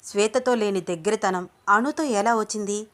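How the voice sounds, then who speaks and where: A woman's voice: mid-range voice, moderate pace, natural voice. A woman voicing a blunt young man who advises his friend in a told story. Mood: advising.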